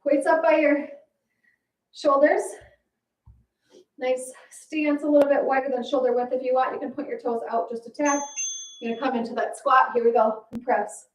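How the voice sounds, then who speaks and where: A woman's voice: high voice, fairly even intonation, moderate pace, long pauses, lo-fi sound, slight background noise. A woman leading a workout as an aerobics instructor, encouraging, cueing moves and counting in short commands. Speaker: fitness instructor. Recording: echoey room, distant mic.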